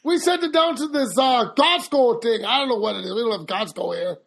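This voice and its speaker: A man's voice: extremely high pitch, a little fast, creaky, a bit bright, pitched above the performer's own voice, heavily acted. A man doing an exaggerated Canadian accent as a folksy, joking hoser who says "eh" and "bud". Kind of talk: comic bit on a podcast.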